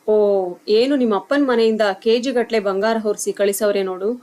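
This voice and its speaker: A woman's voice: fairly high pitch, moderate pace, a little mellow, lightly acted. A woman voicing a scornful, harsh middle-aged mother-in-law who taunts and scolds in a storybook tale. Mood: mocking.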